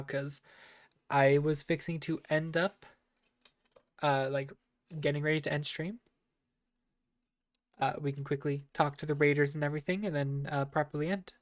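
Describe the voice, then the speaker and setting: A game master running a tabletop game on stream, talking loosely with lots of fillers. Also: medium pitch. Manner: loose, filler-heavy, easygoing. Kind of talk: casual tabletop game narration.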